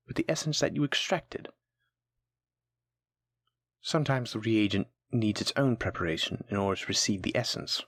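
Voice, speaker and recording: In a soft-spoken, scripted fantasy audio roleplay, a voice actor plays a kind, patient alchemy teacher gently encouraging a nervous new apprentice. The medium-pitched voice is breathy and moves expressively up and down. It is recorded close and dry.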